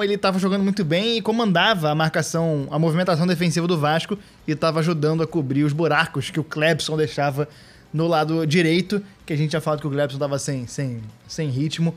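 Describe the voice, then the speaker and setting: A man's voice: fairly high pitch, a little fast. A Brazilian man hosting a casual podcast, recapping an old football match with joking, sarcastic asides. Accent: Brazilian Portuguese.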